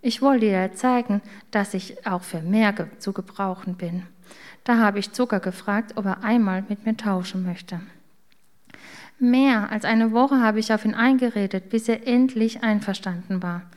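A woman voicing a small, sad salt shaker that speaks quietly and sniffly in a spoken storybook. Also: mid-range voice, a little slow, close to an everyday voice. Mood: remorseful.

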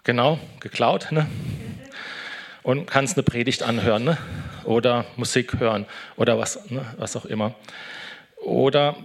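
Middle-aged pastor, casual devotional talk, chatty, mid-pitched voice, tags lines with "ne?". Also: male voice, measured pace, long pauses. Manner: chatty, tags sentences with a questioning "ne".

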